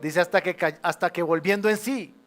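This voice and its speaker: A male pastor with a Colombian Spanish accent delivers a sermon in a notably high voice. He shifts from ringing exclamations down to near-hushed asides and calls on the congregation to repeat phrases. Faint instrumental music plays softly behind him. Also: fairly quick. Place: church sanctuary.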